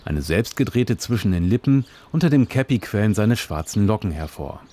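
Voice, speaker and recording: A male reporter narrating a scripted radio report in a measured, descriptive way. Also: fairly low pitch, expressive, mellow.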